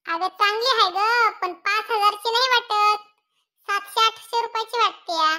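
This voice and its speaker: A performer voicing a sharp-tongued, gloating middle-aged village woman in a cartoon comedy, speaking in a taunting, scolding way. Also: very high voice, a little slow, full character voice. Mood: mocking. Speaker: Shantabai, neighbor.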